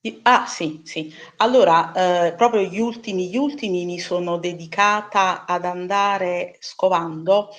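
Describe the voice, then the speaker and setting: A woman's voice: on the low side, unhurried, few pauses. A woman speaking as a guest on a live show, in casual unscripted conversation. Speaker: guest who runs a culture page.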